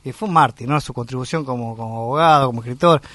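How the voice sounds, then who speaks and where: A man with an Argentine accent co-hosting a casual radio chat, pausing often with fillers. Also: mid-range voice, fairly bright tone, no room sound. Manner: hesitant, many fillers. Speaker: radio co-host.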